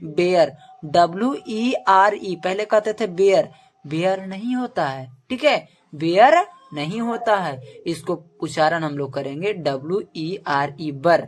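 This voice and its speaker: Slow, drilling woman teacher. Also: lowish voice, a little hiss or hum. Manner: ends nearly every point with "okay"; spells words out letter by letter. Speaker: English teacher. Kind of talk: spoken lesson to camera.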